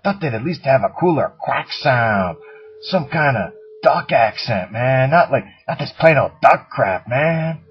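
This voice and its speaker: A man's voice: medium pitch, animated, a little slow, lightly acted. A man voicing a laid-back, rambling stoner homeowner in a comedy ad sketch, drawling and tacking "man" onto every phrase. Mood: rambling, annoyed. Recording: dull lo-fi recording.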